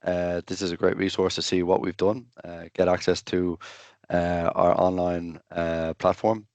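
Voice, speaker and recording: A man's voice: low voice, monotone, measured pace, a little mellow, no room sound. A man hosting an online webinar, giving an informal, matter-of-fact introduction in hesitant, broken-up phrases. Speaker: webinar host. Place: online video call.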